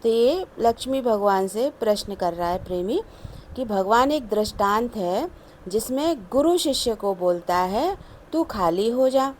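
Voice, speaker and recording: A woman giving a devotional sermon, explaining a teaching story in a measured, repetitive way. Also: medium pitch, expressive, a little hiss or hum. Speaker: satsang speaker.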